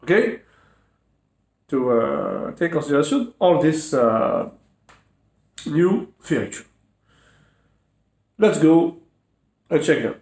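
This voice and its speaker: A man tutoring programming in an echoey room, with a fairly high, very animated voice. He uses non-native English phrasing and dictates code piece by piece, punctuated by short check-in questions. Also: takes it slowly, vocal fry, pauses often. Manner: frequent rising check-in questions. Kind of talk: step-by-step coding lesson, spelling out code aloud.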